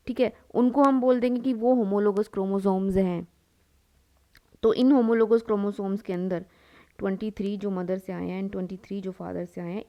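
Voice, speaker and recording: Sketching as she teaches, a young biology lecturer questions her students and supplies the answers herself, addressing them as "beta" and weaving English words into her Hindi. Her voice is medium-pitched and mellow.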